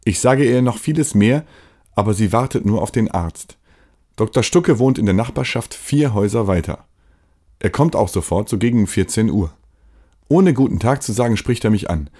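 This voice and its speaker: A man with a low, husky voice reads out his own story. He narrates in the first person, plain and steady, from a prepared script. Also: moderate pace.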